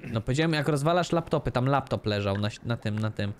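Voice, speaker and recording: A young man playing a co-op game with a friend, chatting and teasing in a joking, animated way. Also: medium pitch, fast talker, a little hiss or hum. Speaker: gaming YouTuber. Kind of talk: casual co-op gameplay banter.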